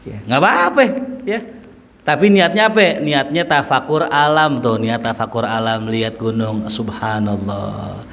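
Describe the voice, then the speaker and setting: A man's voice: mid-range voice, a little slow, creaky, in a large hall. A man preaching with a Jakarta Betawi accent, joking and acting out everyday scenes for his listeners. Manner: humorous, animated, acts out everyday scenes. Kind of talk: sermon.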